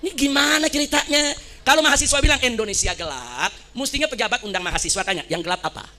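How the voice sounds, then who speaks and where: A man's voice: very high voice, lively intonation, quick pace, bright, forceful tone. A middle-aged man preaching to a women's study gathering, rousing them with a stream of rhetorical questions. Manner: rousing, fires rhetorical questions at his audience. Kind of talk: fiery sermon.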